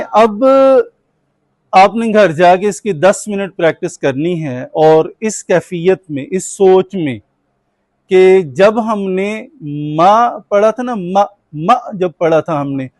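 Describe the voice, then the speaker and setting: High-voiced slow-spoken male teacher. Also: no room sound. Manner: patient call-and-response questioning. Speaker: Quran teacher. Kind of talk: classroom teaching.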